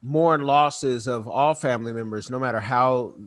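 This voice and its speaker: A male podcast host introducing his guest in an upbeat, lively way. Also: medium pitch, moderate pace. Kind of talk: podcast interview.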